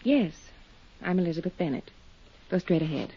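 An actress playing a meek, drab young woman who works as a receptionist, speaking quietly and timidly in a muffled 1950s radio drama. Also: on the low side, lively intonation, moderate pace, background noise.

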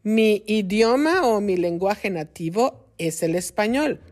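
A Mexican woman hosting a podcast for Spanish learners, speaking slowly and carefully so every word is clear. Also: medium pitch, expressive, darkish tone. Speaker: podcast host and Spanish teacher.

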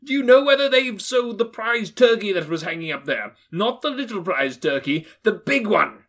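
A man's voice: high-pitched, lively intonation, normal speed, fairly bright tone, pitched above the performer's own voice, heavily acted. Scrooge, a man voicing a giddy old miser. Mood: giddy, overjoyed. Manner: breathless, exclaiming, laughing and crying. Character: old male miser, overjoyed and repentant. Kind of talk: audiobook character reading.

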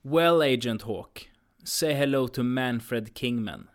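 A man's voice: mid-range voice, takes it slowly, natural voice. A man playing a firm, businesslike commander of a time-travel agency in an audio drama.

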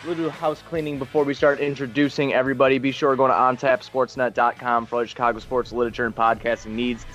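Man, podcast host, brash and slangy, casual sports chat, mid-pitched voice, background music. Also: flat delivery, fast talker, hardly any pauses, fairly bright tone. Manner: brash, slangy, heavy swearing.

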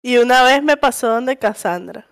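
High-voiced Venezuelan woman telling stories. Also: moderate pace, creaky, clear, resonant tone. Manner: animated, laughs often, acts out quotes in raised voice. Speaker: podcast co-host. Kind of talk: casual storytelling chat.

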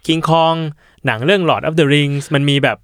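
A man hosting a casual talk show who reacts with quick interjections and jokes. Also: fairly high pitch, fairly even intonation, smooth, no echo, clean studio sound. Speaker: podcast host. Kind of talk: casual chat.

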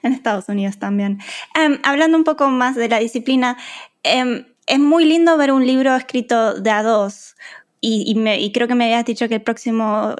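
A woman with a fairly high voice acts as interviewer. She speaks conversationally, easing into gently worded questions with some hesitation. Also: moderate pace.

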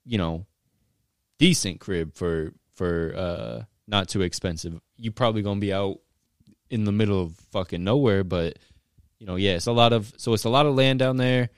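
A man's voice: lowish voice, moderate pace, clear, resonant tone, no echo, clean studio sound. A man from Texas chatting casually like a frat bro, blunt and sweary, with bro-heavy slang. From Austin, Texas. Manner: blunt, profane. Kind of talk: casual podcast-style chat.

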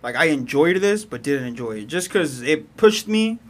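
Slangy, swearing man with a highish voice. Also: lively intonation, normal speed, slight background noise. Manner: profane, slangy, emphatic repetition. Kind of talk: casual group chat.

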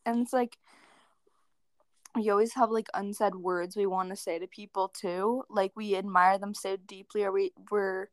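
A woman's voice: mid-range voice, steady tone, normal speed, no echo. Young female co-host, casual and giggly, dead-dry recording. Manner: giggly, gushing, trails off with "like". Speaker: podcast co-host. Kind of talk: casual chat.

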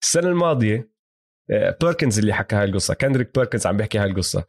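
Quick male voice, Levantine Arabic accent. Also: on the low side, animated. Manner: mixes English sports terms into Arabic. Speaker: sports podcast co-host. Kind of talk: casual basketball chat.

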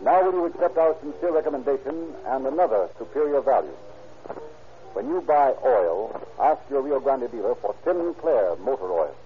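A man's voice: mid-range voice, big pitch swings, normal speed. A man narrating and announcing in a formal, declamatory 1930s radio style. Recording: tinny, noisy 1930s radio broadcast.

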